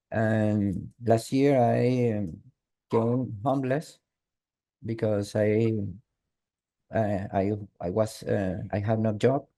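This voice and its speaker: A man with a Venezuelan Spanish accent, a guest telling his story in an online interview, halting and restarting often. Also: lowish voice, warm tone. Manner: halting, with many restarts and fillers. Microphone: video call.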